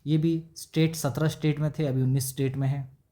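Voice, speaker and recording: A man talks through a company's stock figures in a relaxed, conversational way. He reads numbers slowly off a screen, with filler pauses. He keeps checking that the listener is following. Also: on the high side. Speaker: stock market YouTuber. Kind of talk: casual explanatory stock analysis with screen share.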